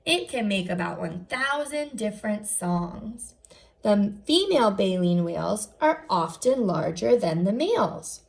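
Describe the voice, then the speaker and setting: A first-grade teacher gives a read-aloud lesson to young children, her mid-range, gravelly voice swinging widely in pitch at an unhurried pace. She speaks in an instructional, enunciated way and poses questions to her young listeners.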